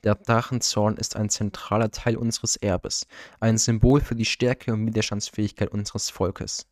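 A man's voice: fairly low pitch, little pitch movement, normal speed, no echo, clean studio sound, lightly acted. A man reading the part of a proud but nervous male guardian of his people in an audiobook story, firm yet uneasy and respectful. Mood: earnest, uneasy.

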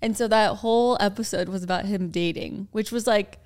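A young woman with a gravelly rasp in her voice talks like a podcast co-host among familiar company. She is playful and animated, teasing as she goes in loose, casual conversation. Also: medium pitch, a little fast. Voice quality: raspy, gravelly voice.

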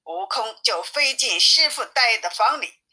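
A woman narrating a classic adventure tale as an audiobook, in a clear, lively storytelling manner. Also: a little high, unhurried, poor audio.

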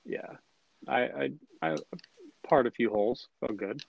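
A low, gravelly man chatting casually as a podcast co-host. He halts and restarts, repeating words before he gets going. The sound is dull and lo-fi. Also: expressive, dry recording. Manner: halting, repeats words when starting sentences. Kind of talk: casual chat.

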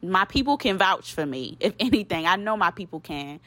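A woman's voice: mid-range voice, expressive, normal speed, bright, forceful tone. A woman in her twenties hosting a solo podcast, venting candidly and emotionally in casual slang and often repeating her phrases. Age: 20s. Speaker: podcast host.

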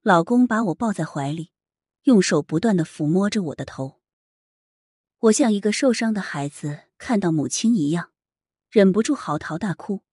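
A woman reads a first-person story aloud, slowly and softly, with emotion. Her voice is husky and breathy, and the recording is close and dry. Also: mid-range voice, lively intonation, dry recording. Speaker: narrator.

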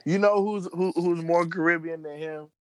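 A man's voice: fairly high pitch, fairly even intonation, normal speed, heavy background noise. A man in playful, teasing casual chat full of slang.

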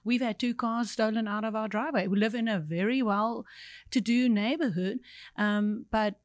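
A South African woman in her thirties from Cape Town, Afrikaans by birth, talking as a guest and telling stories in a lively, direct way. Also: on the high side, normal speed, no echo, clean studio sound. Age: 30s. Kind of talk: casual interview storytelling.

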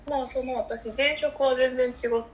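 A woman from Kyoto with a soft, soothing Kansai lilt, chatting politely and gently as a podcast co-host. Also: high-pitched, fairly even intonation, moderate pace, rough recording. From Kyoto, Japan. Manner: polite, elegant, conscientious. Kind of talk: casual podcast chat. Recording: faint background noise.

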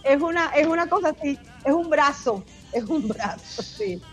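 A talkative woman with an eastern Cuban accent, her voice sitting a little high for a woman. She chats expressively through a radio interview and breaks into laughter often. Soft music plays faintly behind her. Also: expressive, normal speed. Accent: eastern Cuban Spanish. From eastern Cuba. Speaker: singer, interview guest. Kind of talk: casual radio interview chat.

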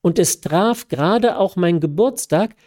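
A man's voice: high voice, animated, measured pace, darkish tone, pitched above the performer's own voice. A man with a scratchy throat voicing a cheerful, tender young woman in a read-aloud story, in a lifted, lilting voice.

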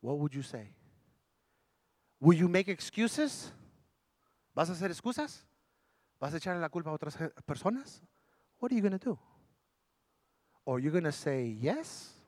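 A man's voice: high-pitched, sing-song, measured pace, long pauses, a little mellow, no room sound, studio quality. A man preaching a bilingual sermon, repeating lines for emphasis and asking the congregation rhetorical questions. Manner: switches between Spanish and English, repeats lines for emphasis.

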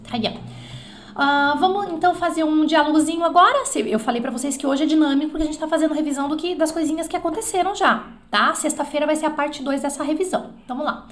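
Brazilian woman, french teacher, fairly high voice, lively, repeats words slowly, live online lesson. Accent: Brazilian Portuguese.

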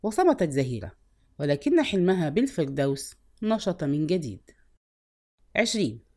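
A woman narrating a novel aloud in a measured, expressive storytelling manner. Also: deep voice.

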